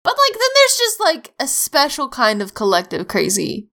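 A woman's voice: sits high, wildly swooping pitch, moderate pace, pushed and bright. A young adult woman co-hosting a podcast, chatting casually and sarcastically, swearing and laughing often. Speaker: podcast co-host. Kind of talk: casual chat.

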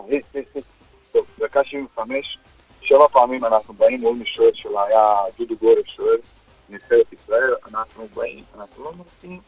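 A middle-aged man with a Croatian accent, a former footballer telling stories as a radio guest, in lively, broken speech. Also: mid-range voice, vocal fry, breathy edge, no echo, poor audio. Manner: lively, acts out dialogue, broken grammar. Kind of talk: animated storytelling on radio.

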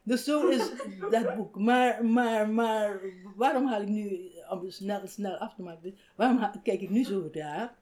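An older woman, a writer, telling stories in a relaxed conversational interview, animated and laughing often. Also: mid-range voice, measured pace, hardly any pauses. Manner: animated, acts out quoted voices, laughs often. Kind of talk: reflective conversational storytelling.

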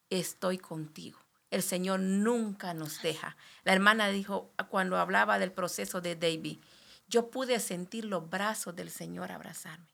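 Gravelly, bright-voiced woman pastor. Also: lowish voice. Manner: gentle, affirming, addresses the guest as sister. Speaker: podcast host, pastor. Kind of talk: pastoral commentary.

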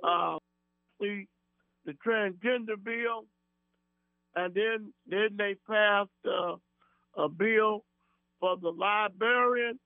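A man calling into a radio show over a phone line, talking in an earnest, folksy way with many halting fillers and restarts. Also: high-pitched, dry recording. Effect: radio show caller on a phone line. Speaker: caller. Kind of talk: call-in chat. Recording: tinny phone line with mains hum.

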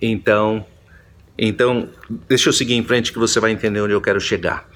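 A man's voice: on the low side, steady tone, fairly quick, a bit bright. A man preaching a Bible teaching sermon, reflective, often repeating and restarting his phrases as he explains.

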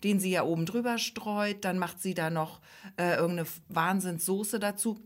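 A woman's voice: fairly low pitch, moderate pace. A woman in her forties co-hosting a podcast, chatting casually and telling stories in a self-mocking, talkative way. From Germany. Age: 40s. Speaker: podcast co-host. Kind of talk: casual chat.

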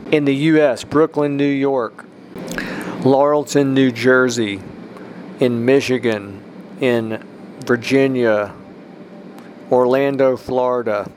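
A man's voice: medium pitch, fairly even intonation, slow pace, long pauses, a little mellow, a little hiss or hum. Rambling man hosting a faith podcast. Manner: rambling, with restarts and emphatic rises. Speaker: podcast host.

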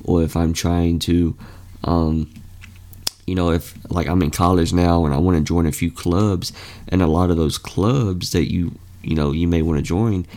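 A young man in his late teens hosts a casual motivational podcast in a deep, dark voice with fairly even intonation and a moderate pace. He's earnest and relaxed, full of fillers and restarts.

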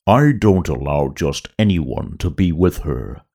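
A man voicing a huge, pompous male slug gangster lord in a story reading, slow and self-satisfied. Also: sits low, animated, dark tone, exaggerated voice. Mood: smug.

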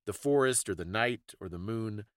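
A podcast co-host with a lowish, expressive voice discusses folklore and stories casually, explaining things thoughtfully at a moderate pace. The audio is clean studio sound with no room echo.

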